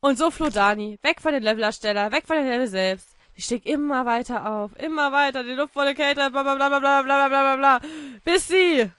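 Bright high-voiced German woman gamer. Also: brisk, few pauses, dry recording, clean studio sound. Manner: silly, bursts of shouting, narrates in mock-story tone. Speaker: gaming YouTuber. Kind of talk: playful let's-play commentary.

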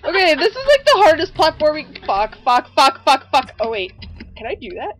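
A woman's voice: high voice, very animated, normal speed, faint music behind. Swearing young woman playing a game. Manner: swears a lot, exclaims loudly at the game. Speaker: let's play host. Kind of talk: casual gameplay commentary.

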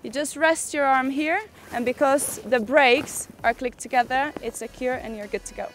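A woman's voice: high-pitched, normal speed, a bit bright. A young woman, a ski instructor, explaining technique step by step in an outdoor tutorial. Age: young adult. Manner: step-by-step, often checking with "yeah?". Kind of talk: instructional tutorial presented to camera. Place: outdoors on a snowy ski slope. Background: background music.

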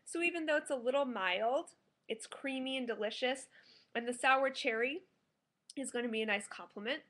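A woman's voice: high voice, normal speed, fairly bright tone. A woman in her thirties giving a casual, enthusiastic food review to camera at home as a food blogger. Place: small living room at home, indoors.

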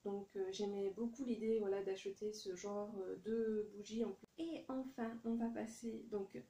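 A woman's voice: medium pitch, steady tone, dark tone, echoey room. A French-speaking woman filming a casual haul vlog, talking in a chatty, hesitant way with many fillers. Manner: reads English product names in a deliberate French accent. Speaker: vlogger showing a haul.

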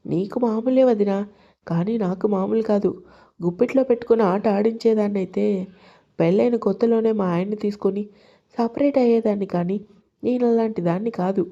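A woman voicing an outspoken young daughter-in-law who talks back in a sharp, raised voice. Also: mid-range voice, fairly quick, lightly acted. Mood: defiant. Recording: lo-fi dull sound.

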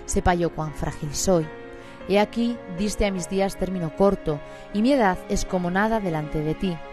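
A woman reads a psalm aloud in a fairly low voice. Her delivery is solemn, measured and even. Music plays clearly behind her throughout. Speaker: scripture reader. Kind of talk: solemn scripture reading.

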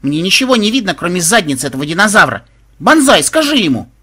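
A man voicing an excitable young woman gamer who shouts shrilly. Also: high voice, slow pace, breathy edge, voice pushed up, full character voice. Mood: shouting.

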